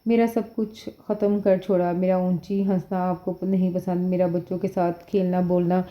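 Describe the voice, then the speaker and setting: Woman narrator playing young wife, audio drama, defiant and reproachful, low voice, lo-fi. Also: level tone, natural voice. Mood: furious. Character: defiant young wife, quick to shout back.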